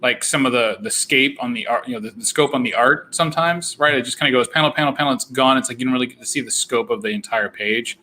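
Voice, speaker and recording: A man's voice: medium pitch, quick pace, few pauses, pushed and bright, a little hiss or hum. A man hosting a casual chat on a video call, rambling with frequent restarts. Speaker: host.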